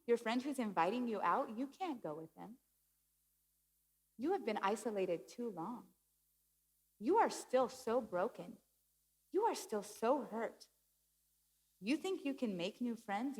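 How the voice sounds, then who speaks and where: A woman speaking as the inner voice of anxiety, hushed and taunting. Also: breathy edge, long reverb tail. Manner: low, hushed, taunting questions.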